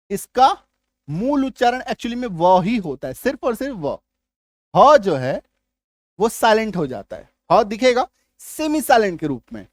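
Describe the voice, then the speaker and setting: A man with a notably high voice teaches English pronunciation on a video channel. He keeps checking that viewers follow along and punches out key sounds loudly before easing back. The recording is close and dry, with no room sound. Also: no room sound. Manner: repeats "ठीक है?" and "है ना?" to check understanding; stresses key sounds loudly, then drops back to conversational. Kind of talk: YouTube English lesson.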